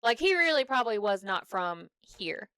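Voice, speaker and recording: A woman's voice: mid-range voice, big pitch swings, moderate pace, a bit bright, clean tone, no echo, studio quality. Joking woman in casual chat. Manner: joking, teasing. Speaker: podcast co-host.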